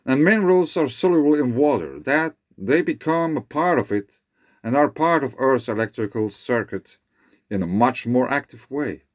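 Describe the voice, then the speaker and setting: A man presents his own written research in a close, dry recording. His s sounds whistle as he speaks. He moves between reading aloud and informal asides, often halting and correcting himself. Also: medium pitch, animated, no room sound.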